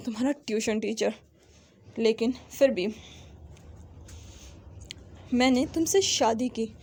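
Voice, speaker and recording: A woman storyteller doing a composed male professor. He speaks quietly and deliberately, teasing with a gentle, unhurried calm, in a voice that stays fairly high. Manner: soft, measured, teasing.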